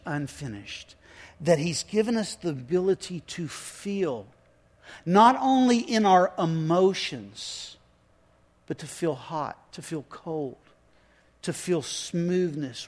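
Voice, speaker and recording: Guy preaching a sermon real slow and emphatic, kinda high voice, lots of restarts. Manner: slow, emphatic delivery with dramatic drops in volume; conversational asides and repeated restarts. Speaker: pastor.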